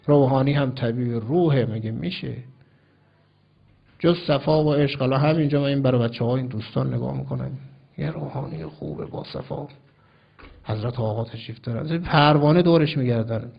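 In a medium-pitched, gravelly and husky voice, a cleric from Iran preaches emphatically, narrating a story and performing its dialogue. The sermon comes through on a dull, lo-fi recording.

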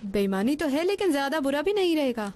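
A woman's voice: high voice, sing-song, quick pace, a little mellow, slight background noise. A woman voicing a cheeky, nosy young boy in a dubbed drama, who bluntly pesters an adult with the same question.

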